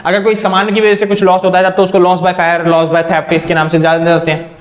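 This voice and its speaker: A man's voice: sits high, completely flat delivery, a little fast, reverberant. A man teaching an accounting lecture, explaining step by step and asking and answering his own questions.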